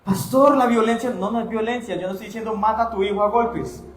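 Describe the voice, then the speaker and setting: A man preaching a sermon as pastor in a church, speaking in a lively way and acting out his congregants' voices. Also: sits high, fast, reverberant.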